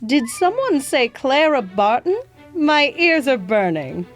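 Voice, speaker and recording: A woman acting as a gracious, proud nurse from history, speaking in a genteel, motherly way. The voice sits fairly high and moves a lot in pitch. Soft music plays faintly behind. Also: very animated, slow, full character voice. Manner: genteel, calls listener "my dear" and "darlings". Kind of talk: scripted educational acting.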